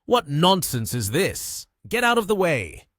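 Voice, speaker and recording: A man doing a bossy sales director in a storybook recap who keeps shouting people out of his way, his voice jumping up high and loud. the delivery is lively and animated, and the dry, close sound leaves no room echo around the voice. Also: moderate pace. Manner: shouting, brusque.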